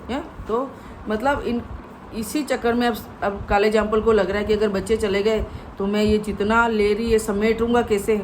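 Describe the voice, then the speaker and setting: Sharp-tongued woman vlogger, a touch high. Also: a little hiss or hum, low-quality recording. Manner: mocking, with constant "है ना?" tags. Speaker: YouTube commentator. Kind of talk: gossip commentary vlog.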